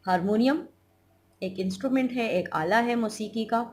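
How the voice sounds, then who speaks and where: A woman school teacher gives a recorded lesson on a literature text, repeating and glossing its words. Her voice is a little high and her pace is normal.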